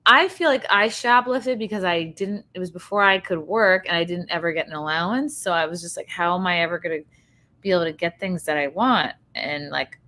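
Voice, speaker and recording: Bright, blunt woman in casual chat. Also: fairly low pitch, brisk. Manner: blunt, sweary, conversational. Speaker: livestream host.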